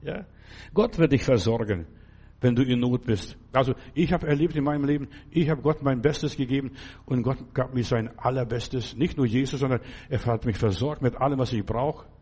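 A man's voice: medium pitch, normal speed, darkish tone, slightly rough. A man preaching a sermon in a fervent, exhorting way, speaking directly to the listener.

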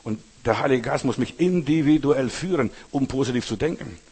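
Emphatic preacher in a reverberant hall. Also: male voice, medium pitch, a little fast, a little mellow, breathy edge. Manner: emphatic, repeats phrases for stress; addresses listeners directly. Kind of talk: sermon.

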